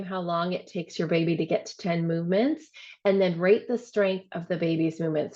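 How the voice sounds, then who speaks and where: A woman director giving a webinar training, explaining step by step with frequent "um" and "so", her voice showing some vocal fry. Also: fairly low pitch, darkish tone, muffled recording. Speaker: program director presenting a training. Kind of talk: webinar presentation.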